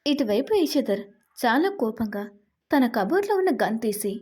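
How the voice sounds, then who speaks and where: A woman tells a dramatic serial story at an even pace. Her voice is soft and mellow and sits slightly high. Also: moderate pace, husky.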